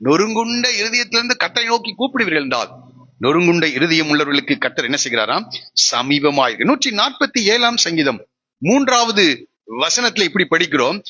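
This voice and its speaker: A pastor preaching a sermon, asking the congregation questions and answering them himself. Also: male voice, high-pitched, expressive, a little fast, pushed and bright, dull audio.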